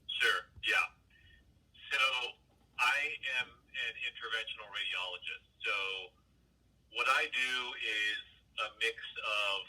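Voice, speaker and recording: A man heard on a speakerphone call from his car, sitting back from the phone so he sounds distant. His voice is low, very bright and edgy, and a bit husky. He explains things patiently in plain words and often restarts his sentences. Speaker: physician interviewee. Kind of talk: casual phone interview. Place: car, while driving.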